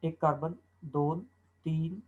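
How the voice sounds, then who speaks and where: A man's voice: fairly high pitch, flat delivery, takes it slowly, phone-quality sound. A man lecturing on chemistry, explaining step by step and answering his own questions. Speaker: chemistry teacher. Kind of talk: classroom lecture.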